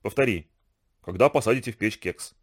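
A man reading a hushed, plotting uncle. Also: brisk, close to an everyday voice. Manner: low urgent instructions.

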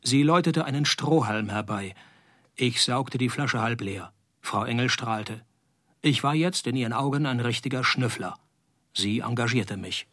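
A man playing a wisecracking, world-weary private detective in a noir radio drama, with a dry, sardonic, deadpan delivery. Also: mid-range voice, moderate pace, no echo, natural voice.

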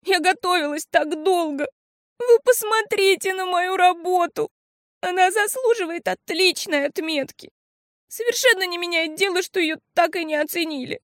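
A woman reading an audiobook, voicing an excitable, emotional young schoolgirl with high, breathless exclamations. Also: normal speed, dry recording, studio quality. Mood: tearful. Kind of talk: audiobook character voice.

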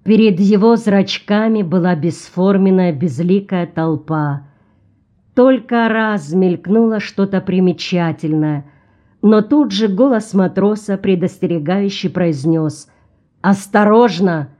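A woman narrates an audiobook at an unhurried pace. Her tone is mellow and warm, and her reading stays even and measured. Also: mid-range voice.

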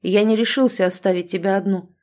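A woman voicing a calm, protective male alpha werewolf in an audiobook, speaking quietly and evenly. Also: mid-range voice, fairly quick, lightly acted. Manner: quiet, even and soothing.

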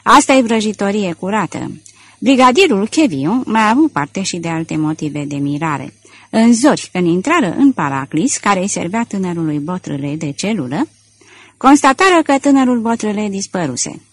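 A woman's voice: mid-range voice, very animated, dry recording. A woman narrating a detective novel as an audiobook, reading expressively into a close mic.

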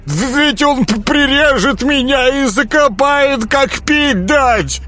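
A trembling stammering stable hand. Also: male voice, very high voice, slow, pushed and bright, soft background music, voice pushed up, exaggerated voice. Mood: terrified.

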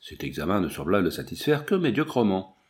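A man narrating an adventure novel in a steady, measured reading. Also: sits low. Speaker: audiobook narrator. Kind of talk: audiobook reading.

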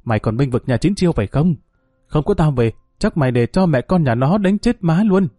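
A man's voice: on the high side, animated, a little fast, dark tone, dry recording, studio quality, faint music behind. A man voicing a tough, hot-tempered young woman who bellows insults. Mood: furious.

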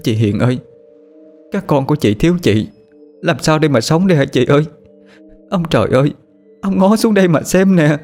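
A man's voice: a little high, lively intonation, normal speed, pauses often, darkish tone, faint music behind, pitched above the performer's own voice. A man voicing a younger sibling who wails and laments at a funeral. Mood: wailing. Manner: wailing, lamenting.

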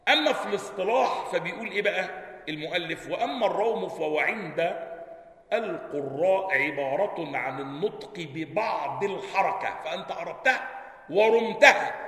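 A man's voice: high voice, pushed and bright. A man with an Egyptian accent, reading from a classical text and explaining it to students, often asking whether they follow. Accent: Egyptian Arabic. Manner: reads a passage, then explains it colloquially with frequent checks on the listeners. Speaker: sheikh teaching Quran recitation. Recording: echoey hall.

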